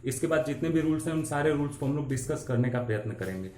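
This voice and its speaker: A man's voice: medium pitch, animated, warm tone. Echoey Hindi-speaking male English teacher. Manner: slow, explanatory, repeats key terms. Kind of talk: classroom lesson in Hindi. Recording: echoey room.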